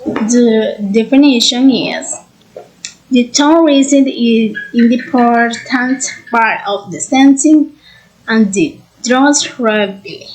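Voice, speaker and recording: A woman giving a student presentation in class, reading from her notes in a halting way. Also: on the high side, a little mellow, rough recording.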